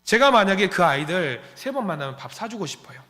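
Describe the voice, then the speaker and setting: A male pastor delivers a sermon in a fairly high, bright voice, asking the congregation questions and acting out dialogue as he tells a story. His pitch swings widely and the hall gives a long reverb. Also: big pitch swings, fast talker. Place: church sanctuary.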